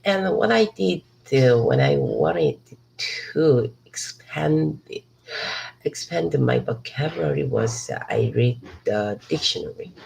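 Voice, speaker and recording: A slow, low-voiced, gravelly woman from Hong Kong, a Cantonese native speaker studying English, practices a motivational speech outdoors in a city park. Her pitch swings widely and her tone is somewhat dark, while she halts, restarts and repeats words to correct herself. The recording is rough.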